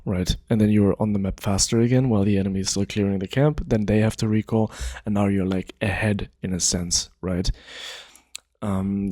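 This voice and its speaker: Laid-back low-voiced man explaining casually. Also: a little mellow, dry recording, clean studio sound. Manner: laid-back, rambling, many fillers. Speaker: gaming video creator.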